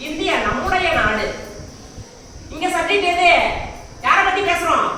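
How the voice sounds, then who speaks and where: A woman's voice: very high voice, animated, a little slow, sharp tone. A woman teaching English grammar in a classroom, speaking with a Tamil accent and often stopping to ask if her students follow. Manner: explains in Tamil mixed with English, asks frequent check questions. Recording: very echoey room, voice far from mic, faint background noise.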